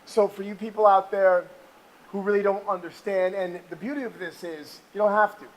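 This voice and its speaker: A high-voiced man hosts a chatty motivational interview while working out on a treadmill. He talks with a salesman's emphatic push, keeping it casual and punchy. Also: steady tone, normal speed, low-quality recording. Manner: talking while exercising on a treadmill. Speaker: interview show host.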